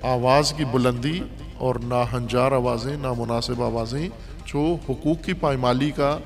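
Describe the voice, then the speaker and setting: A man's voice: medium pitch, steady tone. A man giving an emphatic moral lecture to students and driving his points home with rhetorical questions. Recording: long hall reverb, faint music behind.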